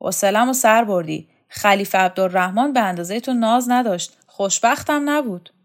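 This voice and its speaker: A woman reading an audiobook, voicing a harsh, bossy woman who scolds and insults loudly. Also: expressive, close to an everyday voice. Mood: contemptuous. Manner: shrill, loud, insulting.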